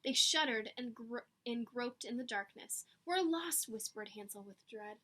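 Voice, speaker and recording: Her voice is a little high and sharp in tone, with fairly even intonation and a normal speed. She's reading a picture book aloud to children, giving it dramatic emphasis and adding teacherly asides.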